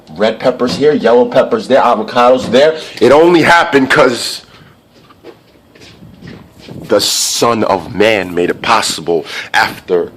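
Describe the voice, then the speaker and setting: A man giving a rambling, profane monologue that swings from low muttering to loud shouting, often repeating himself and restarting. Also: a little hiss or hum. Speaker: vlogger.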